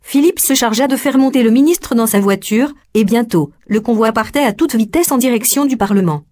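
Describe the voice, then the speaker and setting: A woman narrates a story aloud, her voice sitting slightly high. Her delivery is even and measured, in a steady storytelling rhythm.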